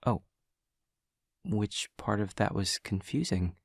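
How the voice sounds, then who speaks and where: A man voices an awkward young demon student, an earnest, literal-minded classmate and friend, for an intimate audio roleplay. His low, husky voice is recorded close and dry with no echo, and the heavily acted delivery sounds puzzled and earnest as he picks formal, precise words and pauses to over-explain.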